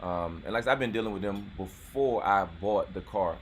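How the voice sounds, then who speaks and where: A man's voice: fairly low pitch, brisk, slight background noise. A man in his forties hosting a casual live-stream chat outdoors, laid-back and rambling. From North Carolina, US. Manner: laid-back, rambling, lots of "you know what I'm saying". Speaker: channel host. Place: outdoors near a golf course.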